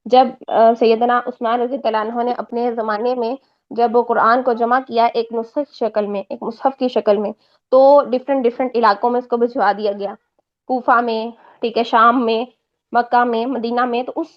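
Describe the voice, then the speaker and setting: High-voiced woman teaching. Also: flat delivery, no echo. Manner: explains step by step, asks students to confirm. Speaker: Quran recitation teacher. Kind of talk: class lesson explaining exam answers. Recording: dry, dull lo-fi sound.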